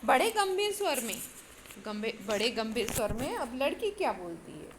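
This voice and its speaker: A woman's voice: a little high, very animated, normal speed, background noise. A woman teacher retelling a story to students, often repeating herself and explaining words as she goes.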